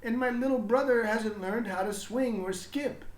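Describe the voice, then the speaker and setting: A man voicing an earnest young schoolgirl in a children's storybook, speaking in a measured, matter-of-fact way. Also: very high voice, echoey room, voice pushed up, low-quality recording.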